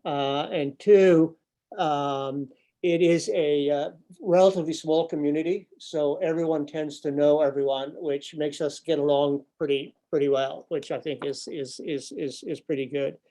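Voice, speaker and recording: An older man with a warm voice on the high side speaks at a measured pace with fairly even intonation. He grew up overseas, directs an environmental nonprofit and gives talks; here he addresses a business group informally over a video call from a windowed office, on a laptop webcam, with lots of fillers and repeated words.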